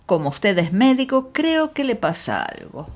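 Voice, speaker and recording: Una mujer que lee en audiolibro a un agente de policía que habla con deferencia y en tono de disculpa. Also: female voice, on the high side, big pitch swings, unhurried, voice pushed up. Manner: deferential, apologetic. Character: diplomatic male police constable.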